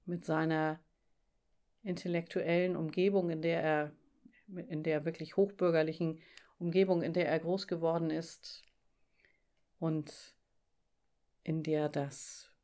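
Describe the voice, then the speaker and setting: A woman leading a church devotion with readings and reflection, speaking in a solemn, measured and deliberate way. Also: low voice, little pitch movement, warm tone.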